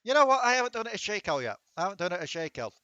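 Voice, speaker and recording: Give me a dungeon master signing off, casual and swearing, with a dry close sound. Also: male voice, high-pitched, very animated, very fast, pushed and bright, smooth, no room sound, muffled recording. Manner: laughing, swearing, rambling. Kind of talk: casual chat at end of a tabletop game session.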